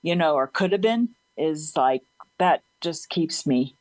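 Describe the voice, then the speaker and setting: With a low, lively, slightly mellow voice, a woman who runs a support group chats unhurriedly as an interview guest. Her talk is open and casual, marked by a slight slur and a readiness to laugh; the low-quality audio has no echo.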